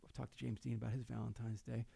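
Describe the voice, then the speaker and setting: Talking very fast in a husky, warm, mid-range voice with vocal fry and a level tone, a New Jersey podcast host jokes around in his studio. There's no echo as he swears freely, reads out plugs, and chats brashly with guests.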